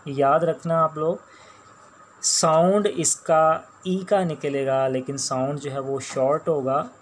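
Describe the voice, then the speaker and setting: A man with a Pakistani accent teaching a shorthand class, explaining each sound slowly and repeating words as he writes them out. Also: a little high, fairly even intonation, slight background noise. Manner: slow, patient, repeats each sound and word. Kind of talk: classroom lecture while writing on a board.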